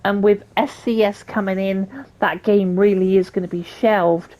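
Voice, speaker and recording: A woman hosting a trucking game channel, giving her opinion in a chatty, thankful way and sounding a little hoarse. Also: medium pitch, fairly even intonation, measured pace, highs cut off. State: slightly losing her voice. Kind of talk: casual video commentary and sign-off.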